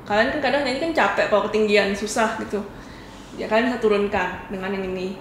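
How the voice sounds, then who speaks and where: This woman speaks fast at a medium pitch while casually demoing and reviewing a product, guiding viewers step by step in a chatty tone. The recording has an echoey room and some faint noise.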